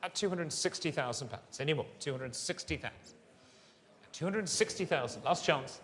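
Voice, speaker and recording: High-pitched male fine art auctioneer in reverberant hall. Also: expressive, moderate pace, fairly bright tone. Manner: polished, courteous fine art auctioneer patter. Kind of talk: live auction calling, repeating bids. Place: large auction saleroom. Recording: long reverberant hall sound.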